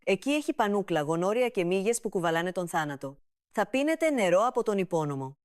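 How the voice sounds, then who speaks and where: A woman voicing a grumpy, bossy older family patriarch in a comic storybook reading, with a smooth, dry sound. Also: medium pitch, big pitch swings, no room sound, natural voice. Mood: grumbling. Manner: grumbling, bossy outbursts. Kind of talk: storybook character voice.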